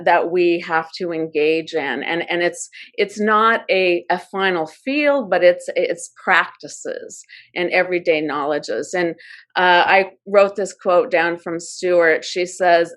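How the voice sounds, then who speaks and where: A middle-aged woman academic speaking on a roundtable panel, thoughtful and halting, with frequent ums and restarts. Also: fairly low pitch.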